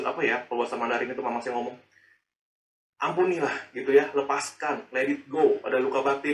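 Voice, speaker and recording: A man, preaching a sermon in a lively, chatty way full of rhetorical questions. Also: mid-range voice. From Indonesia. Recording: echoey and distant.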